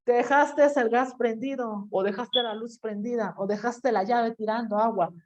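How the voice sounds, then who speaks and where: A woman's voice: on the high side, fairly even intonation, normal speed. A woman teacher giving a chatty class lecture, acting out little inner voices as she explains. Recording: lo-fi dull audio.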